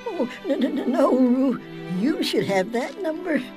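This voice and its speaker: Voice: high-pitched, big pitch swings, measured pace, music in the background. An actor voicing a small, timid, kindly piglet in a children's cartoon, with a hesitant stammer. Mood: grateful, flustered.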